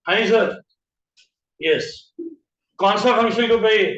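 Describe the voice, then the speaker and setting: A man teaching chemistry in a classroom, quizzing students by name and slowly repeating each compound name. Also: high-pitched, a bit bright. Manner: questions students by name, drills terms slowly. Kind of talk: classroom lecture. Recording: roomy, distant, dull lo-fi classroom audio.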